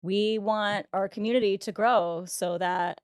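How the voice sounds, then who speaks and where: A woman co-hosting a relaxed podcast, agreeing readily and adding playful comments of her own. Her mid-range voice is recorded dry and close, with no room sound. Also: mid-range voice, unhurried, dry recording. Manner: supportive, chimes in with short agreements. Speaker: podcast co-host. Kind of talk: casual chat.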